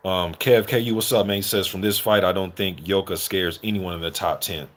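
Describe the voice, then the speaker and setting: A low, steady-toned voice, a little fast and a bit bright, belongs to a man hosting a live boxing commentary stream. He chats with viewers informally, leaning on slang and occasional swearing.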